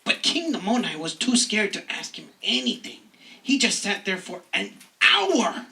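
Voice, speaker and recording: A woman's voice: medium pitch, very animated, a little slow, creaky, bright, forceful tone, distant mic. A woman narrating a story for an amateur puppet show. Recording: recorded away from the mic.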